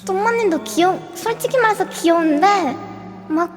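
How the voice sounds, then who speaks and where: A woman in her twenties, a livestreamer chatting with her viewers in an animated, flustered, protesting way. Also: very high-pitched, normal speed. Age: 20s. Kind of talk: casual chat with viewers. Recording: music playing behind the voice. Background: background music.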